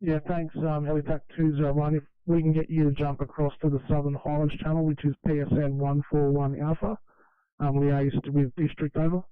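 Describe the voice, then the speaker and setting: A man's voice: on the high side, level tone, brisk, smooth, no echo. A man working as an emergency operations dispatcher, speaking in procedural style over two-way radio. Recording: narrow, tinny emergency radio channel.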